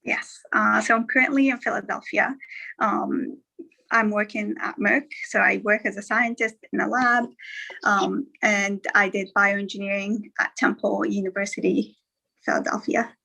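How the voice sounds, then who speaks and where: A woman's voice: medium pitch, little pitch movement, normal speed, gravelly, sharp tone, low-quality recording. A young woman from Algeria, a guest speaker talking casually and a little hesitantly on a live stream, with many fillers and restarts.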